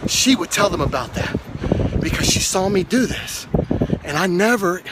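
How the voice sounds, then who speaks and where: Brief: high-pitched male vlog host, a little winded, encouraging, phone mic with loud wind noise. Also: expressive, normal speed. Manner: encouraging, talks to camera while climbing stairs. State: winded from climbing. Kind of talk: motivational walking vlog. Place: outdoors on reservoir steps. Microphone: handheld phone.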